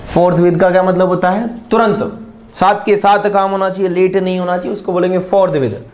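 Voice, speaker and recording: A man's voice: high voice, fairly even intonation, brisk, darkish tone. Man teaching vocabulary in an echoey room. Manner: repeats words and quizzes viewers with questions. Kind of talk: exam-prep vocabulary lesson.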